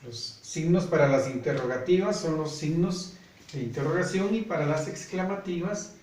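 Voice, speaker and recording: A man with a Guatemalan Spanish accent teaching a grammar lesson slowly and patiently, often checking in with "¿verdad?". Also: a little high, darkish tone. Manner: patient, repeats points, often asks "¿verdad?". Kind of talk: slow classroom grammar lesson. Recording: echoey room, voice from far off, faint noise.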